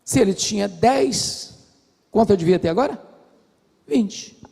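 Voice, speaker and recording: A man delivers a sermon from the pulpit, his voice gravelly and a little husky. He preaches with lively, swinging pitch and acts out conversations as he tells his stories. The hall behind him rings with a long reverb. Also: a little slow. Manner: storytelling preacher, acts out dialogue. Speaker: pastor. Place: church.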